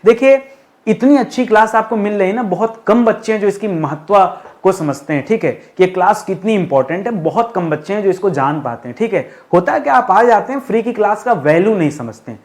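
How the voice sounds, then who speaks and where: A man teaching Hindi spelling in an online exam-prep lesson, often asking the class rhetorical questions and saying words slowly to spell them out. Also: high-pitched, expressive. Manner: repetitive quizzing with rhetorical questions, addresses viewers as friends.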